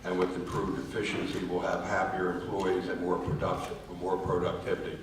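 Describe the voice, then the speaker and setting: A man with a very low voice answers a candidate forum question, halting and full of uhs. The sound comes from a distance across a big, echoing hall. A soft ambient hum runs underneath. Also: monotone. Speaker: council candidate. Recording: echoey hall, distant mic.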